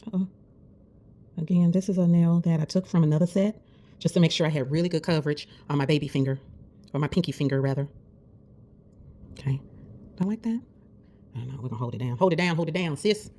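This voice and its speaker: A woman's voice: lowish voice, warm tone. A woman vlogger chatting through a nail tutorial, calling viewers besties in a friendly, encouraging way, with the hiccups. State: has the hiccups. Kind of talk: casual tutorial chat.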